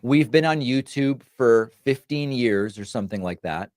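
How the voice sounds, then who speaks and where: A man's voice: mid-range voice, expressive, normal speed, darkish tone, dry recording, studio quality. Earnest male online commentator. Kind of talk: direct-to-camera commentary.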